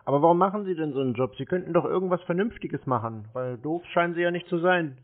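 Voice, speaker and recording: Over a narrow, radio-like phone line, a fast-talking man with a fairly high voice chats casually with a call-centre scammer. He makes prank calls to bait them, and his manner stays dry, provocative and unruffled.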